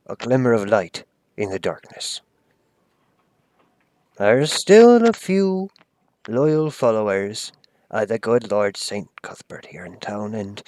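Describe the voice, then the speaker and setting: A man voicing a secretive, knowing male town cleric in a low, hushed, confiding way. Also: dry recording.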